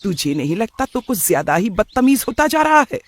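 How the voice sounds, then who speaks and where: A man's voice: high voice, sing-song, fairly quick, voice pushed up. A man voicing a strict, middle-aged traditional father who scolds his son in a cartoon story. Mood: scolding. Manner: scolding, stern. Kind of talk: cartoon voice acting.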